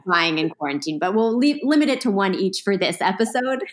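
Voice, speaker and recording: A woman's voice: mid-range voice, expressive, a little fast. A woman co-hosting a podcast, chatting casually, asking questions and laughing along. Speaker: podcast co-host. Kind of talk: casual chat.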